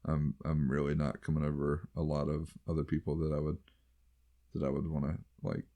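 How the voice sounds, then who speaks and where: A man with a low voice and a light Southern US accent, chatting casually as a co-host. He rambles and keeps trailing off and starting his sentences again. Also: little pitch movement, a little fast, warm tone. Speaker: podcast co-host. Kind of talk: casual chat.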